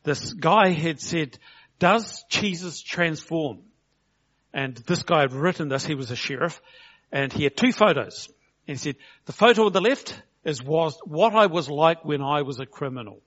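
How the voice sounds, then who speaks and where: A middle-aged preacher from New Zealand gives a relaxed, conversational sermon. His voice is a touch high for a man, and he slows right down to stress points and acts out each quote, all in a dull, lo-fi recording.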